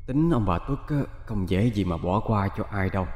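A man voicing an elderly mother who quietly counsels her daughter, speaking softly and low. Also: expressive, moderate pace, roomy sound, big-room sound, natural voice. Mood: tender. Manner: soft, hushed, pleading. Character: worried elderly village mother, gentle and resigned.

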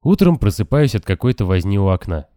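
A man reading a novel aloud in calm, even first-person audiobook narration. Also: lowish voice, fairly quick, no echo, studio quality. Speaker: audiobook reader. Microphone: close, dry home recording.

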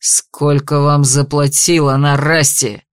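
Audiobook casting: a woman doing a cold, growling male investigator, low voice, dry sound. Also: moderate pace, dry recording, close to an everyday voice. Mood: stern menacing. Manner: growling, commanding.

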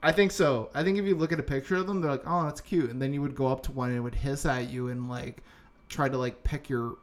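Here a young man co-hosts a podcast at a quick pace, his medium-pitched voice holding a steady tone. It's relaxed, rambling conversation with frequent fillers and restarts.

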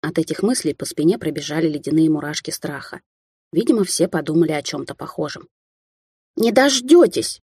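A woman narrates a first-person tale in an even, measured way. Her voice is lowish, dark and mellow with a husky grain. The recording is close and dry. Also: no echo. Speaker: audiobook narrator.

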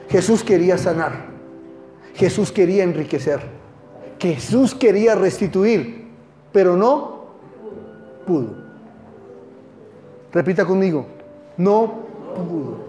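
A male pastor preaching a sermon with impassioned call-and-response, swinging from loud declarations to hushed lines. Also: high-pitched.

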